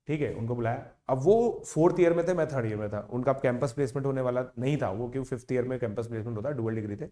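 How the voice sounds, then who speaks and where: A man in his thirties, speaking as an educator, tells students a personal story in a lively, conversational way. He keeps checking in with his audience and drops English words into his speech. His voice sits at an ordinary middle pitch. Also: fast talker. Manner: chatty, animated, with frequent "theek hai" check-ins; mixes English words into Hindi. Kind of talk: casual motivational storytelling to online students.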